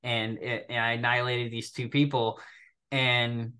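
A young man, a military veteran, telling a story on a podcast in a profane, animated way, laughing as he goes. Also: medium pitch, a little slow, clean tone. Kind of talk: casual storytelling.

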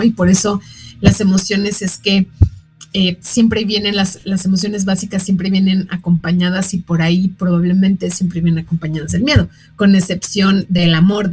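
A woman's voice: on the low side, mellow, rough recording. A woman with a Mexican Spanish accent hosting a radio talk show on parenting, speaking conversationally with frequent fillers and repeated words. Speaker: radio show host giving parenting advice. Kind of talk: casual talk on emotions.

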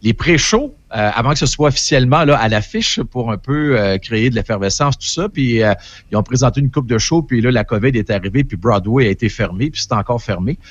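A man's voice: mid-range voice, animated, fairly quick, no echo, dull audio. Chatty Québécois man on morning radio. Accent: Québécois French. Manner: chatty, opinionated, rambling. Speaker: radio entertainment columnist. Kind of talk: casual radio chat.

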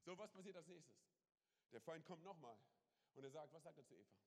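A man preaching a sermon as pastor, animated, swinging from loud to hushed and dropping in English catchphrases. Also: fairly high pitch, fairly quick. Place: large church hall. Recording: long hall reverb.

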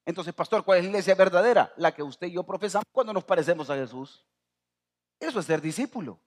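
A middle-aged man from El Salvador with a Salvadoran accent, preaching a sermon as pastor, rising to near-shouting and calling out to the congregation. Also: sits high, expressive, fast talker. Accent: Salvadoran Spanish.

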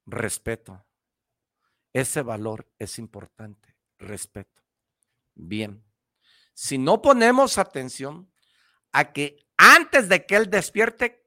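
A man's voice: on the high side, bright, forceful tone, no echo, studio quality. A man with a young child of his own, hosting a motivational radio talk, preaching and repeating himself as he addresses the listener directly. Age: adult parent. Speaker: radio host giving motivational advice.

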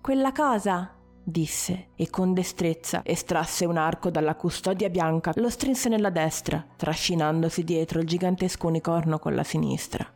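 A woman narrating a story in a measured way, with short dramatic pauses. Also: sits low, fairly even intonation, darkish tone, soft background music.

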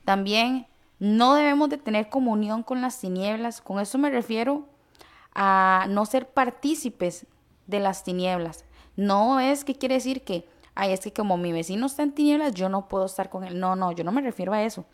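Woman, casual faith discussion, calm explainer who lists points in order. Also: medium pitch, moderate pace.

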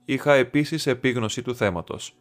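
A man voicing a sharp male detective who speaks briskly and dryly. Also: medium pitch, faint music behind, lightly acted. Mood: dry, assured. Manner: brisk, dry, confident. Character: sharp, dry male detective, self-assured.

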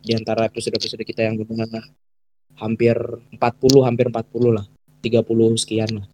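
A man's voice: lowish voice, monotone, fast, noisy background. A man in casual chat as a podcast co-host.

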